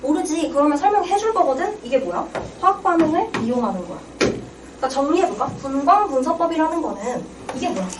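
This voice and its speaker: A woman's voice: high-pitched, lively intonation, brisk. A young woman giving an exam-prep reading lecture, quizzing her students and answering her own questions. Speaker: Korean reading tutor. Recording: roomy, distant mic with clear background noise.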